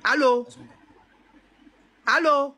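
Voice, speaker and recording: A woman's voice: high-pitched, fairly even intonation, very slow, bright, forceful tone. A middle-aged woman with an Ivorian French accent, giving emotional testimony in an emphatic, repetitive way. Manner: emphatic, repetitive, proverb-laden. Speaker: interviewee, family member of a deceased man.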